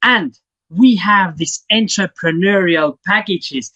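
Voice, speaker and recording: A man from Estonia, not an English speaker, giving an enthusiastic, halting business presentation to an online audience. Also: pushed and bright, dry recording, lo-fi sound. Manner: halting, enthusiastic sales pitch with fillers.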